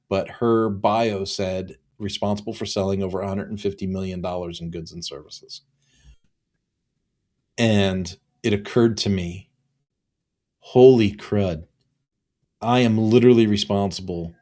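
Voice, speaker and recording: Speaking solo to the camera, a man in his fifties promotes his business consulting in a low-pitched, dark voice. He's earnest and keeps repeating phrases to drive his points home.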